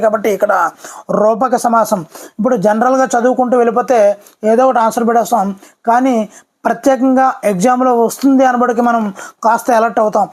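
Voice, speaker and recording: Brisk voice-over teacher. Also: medium pitch, a little mellow. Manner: brisk, repeats key words, polite address to viewers. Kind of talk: exam-prep language lesson.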